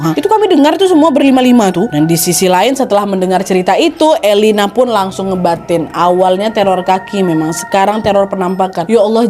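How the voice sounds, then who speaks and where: A woman with a Medanese Indonesian accent hosts casual, dramatic horror storytelling, expressive and chatty, speaking directly to her listeners. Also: fairly high pitch. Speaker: host retelling listeners' horror stories.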